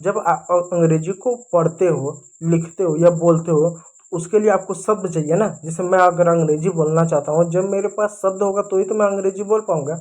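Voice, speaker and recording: High-voiced man teaching vocabulary. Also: steady tone, darkish tone, poor audio. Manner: explains word by word, slows right down for English example sentences; addresses viewers as children and friends. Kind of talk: spoken English vocabulary lesson.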